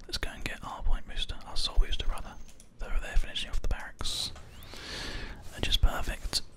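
A man whispers breathily right up against a binaural microphone, an ASMR host and gamer offering soft, soothing commentary on his gameplay at an unhurried pace. Keyboard and mouse clicks can be heard behind him.

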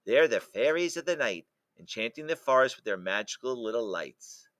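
A man's voice: medium pitch, animated, normal speed, a bit bright, lightly acted. A man reading as a gushing, naive young woman. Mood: delighted. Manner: gushing and sentimental. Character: cheerful, naive young woman nature lover. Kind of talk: picture-book read-aloud.

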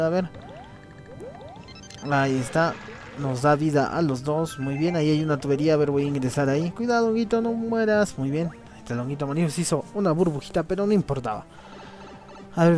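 A man doing casual let's play commentary, chatty and cheering on his co-player with quick exclamations. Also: on the high side, darkish tone.

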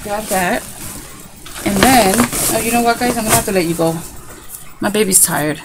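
A woman talking casually on a craft haul vlog, telling a rambling, animated story about her shopping trip. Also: mid-range voice, normal speed. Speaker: craft vlogger. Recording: clicky background noise.

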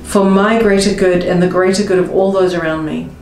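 A woman coaching viewers through a tapping session, speaking slow, emotive first-person affirmations. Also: on the low side, fairly even intonation, darkish tone. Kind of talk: guided tapping script spoken in first person. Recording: roomy with faint music behind.

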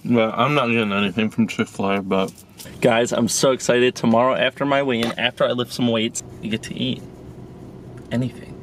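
A man's voice: mid-range voice, steady tone, fairly quick, slight background noise. A young man in his twenties vlogging casually to camera, chatty and joking with loose rambling talk. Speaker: vlogger and powerlifter.

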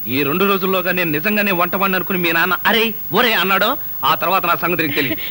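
Grumbling young husband, sarcastic, quick talker, high-pitched, film music behind. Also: male voice, pushed and bright, a little hiss or hum, rough recording. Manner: sarcastic, complaining. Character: young husband made to pose as cook, grumbling. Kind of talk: film dialogue. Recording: film soundtrack with music underneath.

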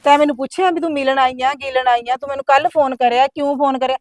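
A woman's voice: sits high, fairly even intonation, no echo, close to an everyday voice. A middle-aged woman playing an aggrieved younger sister who rattles off complaints in a village family drama. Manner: complaining, rapid-fire grievances.

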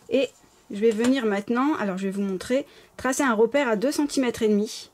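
Recorded by a camera positioned close over her work table, a tutorial host with a slight lisp gives casual, apologetic, step-by-step craft directions. She has a fairly high, slightly mellow voice.

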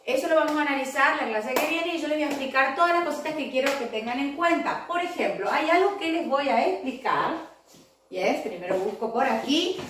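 Patient Argentine teacher in an echoey room. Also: female voice, sits high, distant mic, noisy background. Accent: Argentine Spanish. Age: 40s. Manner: slow, patient, checks in constantly with short questions. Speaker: English teacher. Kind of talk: recorded video class for children.

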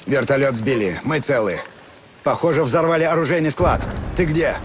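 An actor playing a calm, seasoned special agent in a game, terse and deadpan. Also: male voice, medium pitch, a little fast, background noise, close to an everyday voice. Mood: tense, controlled. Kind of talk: dubbed game cutscene acting.

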